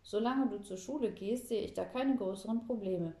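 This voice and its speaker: A woman's voice: mid-range voice, normal speed, warm tone, lightly acted. A woman reading a wry old grandpa from India. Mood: dry. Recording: roomy echo.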